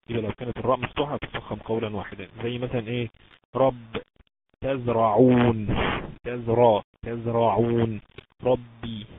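Over a tinny, noisy, phone-like line, a man of medium pitch teaches Quran recitation rules online. He has an Egyptian Arabic accent, drills the points patiently and pronounces example words in a slow, drawn-out way.

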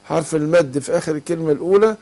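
A man's voice: fairly high pitch, rapid-fire, mellow. A man with an Egyptian Arabic accent teaching tajweed on a call-in lesson, patiently asking his student to fill in the words. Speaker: Quran recitation teacher.

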